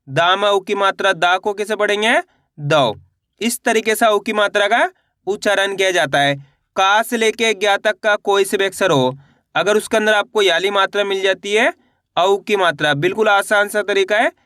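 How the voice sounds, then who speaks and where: A young man teaching reading step by step, patiently asking questions and answering them himself, sounding out each letter slowly before saying the whole word. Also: high-pitched, pushed and bright, clean tone, dry recording, clean studio sound. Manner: patient, repetitive, asks and answers own questions.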